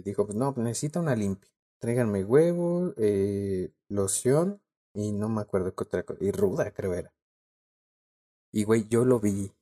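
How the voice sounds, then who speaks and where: A young man with a Mexican Spanish accent tells a story as a podcast co-host. His voice sits low, with a dark, mellow tone. He talks in slang and laughs often. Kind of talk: casual chat.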